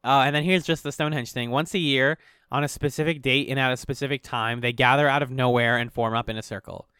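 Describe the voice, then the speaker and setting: A man's voice: mid-range voice, steady tone, fast talker, pushed and bright, clear, resonant tone, dry recording, studio quality. A man co-hosting a casual podcast, joking and laughing as he reads entries aloud. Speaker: podcast co-host.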